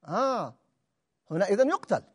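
A man preaching a sermon, emphatic, swinging between loud exclamations and hushed asides. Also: high voice, sing-song, normal speed, husky.

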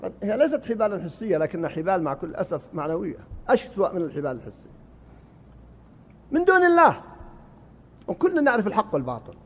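A high-voiced male preacher delivers an impassioned sermon, his voice swinging widely between soaring peaks and low murmurs. He sometimes stumbles and repeats a word before pushing on. The recording is muffled, with a long reverb from a large hall. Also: big pitch swings, fast talker, pauses often. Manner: impassioned, rising and falling.

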